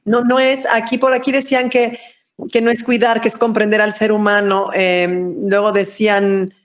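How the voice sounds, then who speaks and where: A woman speaks on a webinar panel in a mid-range voice. She talks thoughtfully. She often pauses and restarts her sentences. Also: medium pitch, level tone, slight background noise.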